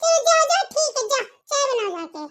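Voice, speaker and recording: A woman's voice: extremely high pitch, animated, moderate pace, fairly bright tone. A woman voicing a harsh, scolding mother-in-law in a home-made family drama, talking in a taunting, commanding way.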